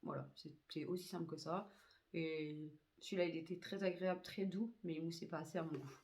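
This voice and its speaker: A woman's voice: low voice, steady tone, fairly quick, darkish tone. A woman reviewing used-up beauty products in a chatty way, full of hesitations and fillers. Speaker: beauty vlogger.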